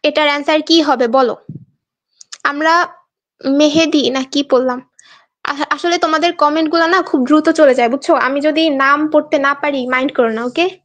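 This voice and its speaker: A young woman from Bangladesh leads a live online exam session, her high voice steady in tone and her pace normal, with long pauses. In a chatty, encouraging manner, she reads out the answers her students send in.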